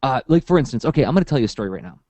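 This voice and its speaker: This man teaches comics workshops and chats at length, telling stories and acting out the people in them with animated, wordy energy. His mid-range voice moves very fast, and the muffled recording has no room sound.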